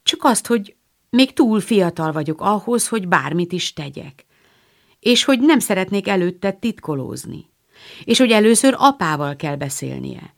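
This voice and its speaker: A woman reading the part of a gentle older teenage sister, speaking hesitantly and apologetically. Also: mid-range voice, sing-song, vocal fry. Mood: ashamed.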